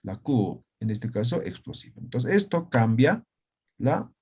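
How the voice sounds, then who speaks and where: A man with a husky voice teaches a video-call class. His pitch rises and falls a lot as he talks students through each example, patiently and step by step, with constant tag questions to check they follow. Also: big pitch swings, unhurried, darkish tone. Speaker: Aymara language teacher. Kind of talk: online class explaining writing.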